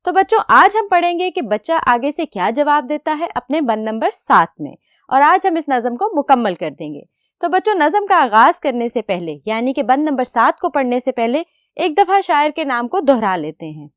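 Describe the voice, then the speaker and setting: Young female schoolteacher, high-ish and animated, patient questioning delivery, dry close recording. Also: no room sound. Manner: patient, explains slowly, asks questions to children. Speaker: school teacher. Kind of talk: recorded classroom lecture.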